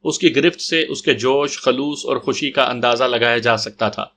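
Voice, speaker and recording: A man narrating a detective audio story in the first person with steady, scripted storytelling. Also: mid-range voice.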